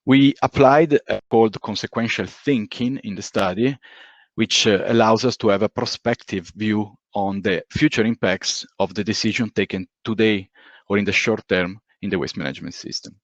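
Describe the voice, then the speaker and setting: Man, recorded video-call presentation, methodical explainer, lowish voice, dull lo-fi sound, dry. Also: moderate pace, dry recording. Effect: voice captured in a recorded online meeting. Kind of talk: online conference presentation. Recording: dull lo-fi online call audio.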